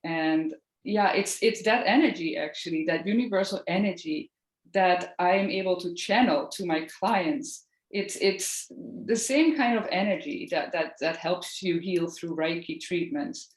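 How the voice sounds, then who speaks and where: A woman's voice: on the low side, measured pace. Earnest Dutch-accented woman, roomy sound. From Netherlands. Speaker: podcast guest, Reiki practitioner. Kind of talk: casual interview chat.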